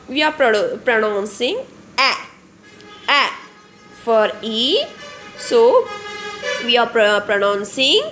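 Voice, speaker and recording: A young kindergarten teacher with an Indian English accent runs an online phonics lesson for small children. Her slightly high voice moves slowly and repetitively, and she often asks questions and then answers them herself.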